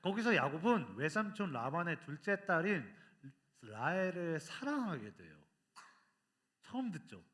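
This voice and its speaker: Animated man preaching to children. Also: on the high side, a little slow. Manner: animated, quizzes the children with questions. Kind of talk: lively storytelling sermon to children.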